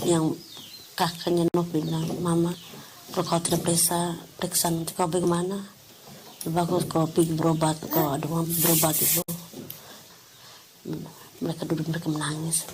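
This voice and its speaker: A woman's voice: fairly low pitch, background noise. Middle-aged woman telling her story. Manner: plain, conversational storytelling. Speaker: interviewee, mother. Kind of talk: personal testimony.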